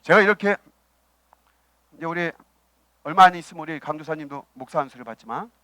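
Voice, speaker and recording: A man preaching a sermon as pastor, asking the congregation questions and swinging between loud emphasis and quiet asides. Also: on the high side, a little fast, no room sound. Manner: preaching with rhetorical questions and acted quotes. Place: church.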